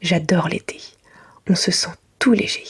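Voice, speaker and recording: A woman reading a children's storybook in a hushed, breathy library whisper, in a soft ASMR style. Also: on the low side, a little slow. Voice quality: breathy, unvoiced.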